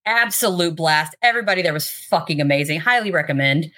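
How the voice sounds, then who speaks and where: A woman chatting informally as a podcast guest, telling stories in an animated, chatty way and swearing freely. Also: low-pitched, brisk. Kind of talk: casual chat, animated storytelling.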